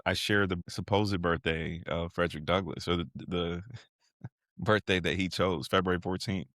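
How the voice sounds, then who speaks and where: A man in his thirties, a professor guest on a podcast, laughing and joking about himself in halting, filler-filled talk. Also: sits low, fairly even intonation, fairly bright tone, no echo, studio quality. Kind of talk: casual interview chat.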